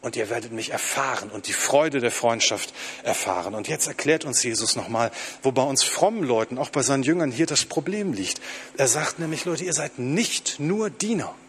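Male preacher, husky voice, emphatic sermon delivery that slows for quoted lines. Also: medium pitch, animated, a bit bright.

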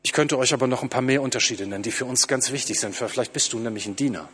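A man preaching a sermon to his congregation, slowing down to stress quoted lines. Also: medium pitch, a bit bright, slightly rough.

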